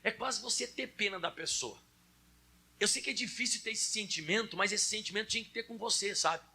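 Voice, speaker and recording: A male preacher with a Brazilian Portuguese accent, his voice high and bright with a husky edge. He talks to the congregation in a chatty, direct sermon style, calling on them to answer back. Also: fairly quick.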